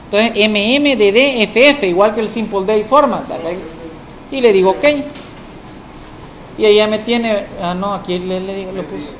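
A woman teaching software to a class, tagging nearly every phrase with a questioning aside, recorded in a classroom with students present. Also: mid-range voice, normal speed. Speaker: programming teacher. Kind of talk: live classroom software tutorial. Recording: echoey room with faint background noise.

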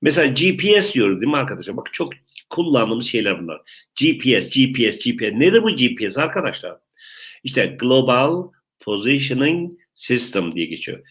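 A man's voice: mid-range voice, very animated, brisk, fairly bright tone. Turkish-accented male English teacher, repetitive, speaks to viewers as friends. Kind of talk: online English lesson for beginners.

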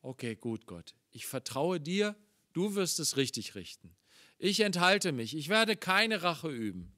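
A man preaching a Sunday morning sermon in German, reading scripture slowly and explaining it with earnest emphasis. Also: fairly high pitch, big pitch swings, bright, forceful tone, no echo, clean studio sound. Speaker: pastor.

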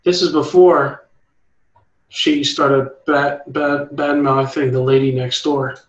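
A man's voice: medium pitch, flat delivery, slow pace, roomy sound, dull audio. Encouraging man critiquing artwork. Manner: encouraging, restarts sentences often. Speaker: art instructor leading a meetup. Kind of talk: art critique, casual coaching.

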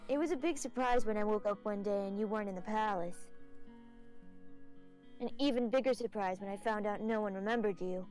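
A woman voicing a cold, blunt young prince in a fan reading of a visual novel, with curt, flat delivery. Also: mid-range voice, a little fast, faint music behind, lightly acted, poor audio.

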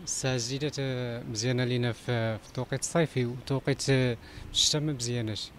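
Rapid, hesitant Moroccan man. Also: mid-range voice, steady tone, a bit bright. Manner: hesitant, with fillers. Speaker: passerby interviewee. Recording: faint street noise.

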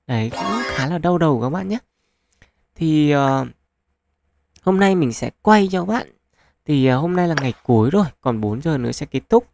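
Casting: male gaming host, gravelly texture, rambling casual commentary with fillers, bursts of excitement. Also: medium pitch, a little hiss or hum. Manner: chatty, thinks aloud with many fillers; excitable at lucky pulls. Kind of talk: casual gacha game commentary.

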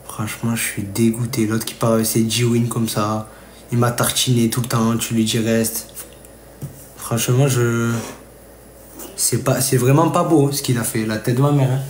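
A man talks straight at his stream audience, worked up and grumbling. His voice sits at an ordinary pitch. The room rings a little and a faint hum lies underneath. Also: level tone, normal speed, a little mellow. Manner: agitated, venting, talks straight to viewers. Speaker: live streamer. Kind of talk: live stream chat while gaming. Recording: roomy with faint noise.

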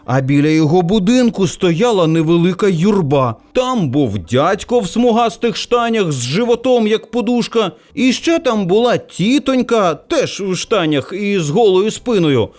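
High-voiced, animated male storyteller. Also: normal speed, few pauses. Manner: animated, expressive reading. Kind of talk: children's audiobook narration.

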